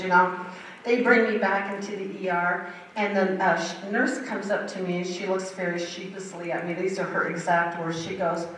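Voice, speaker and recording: A woman's voice: mid-range voice, far from the mic, a little hiss or hum. An older woman giving a personal testimony in a church, telling her story in a vivid, emphatic way. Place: church sanctuary. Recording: very echoey hall, heard from afar.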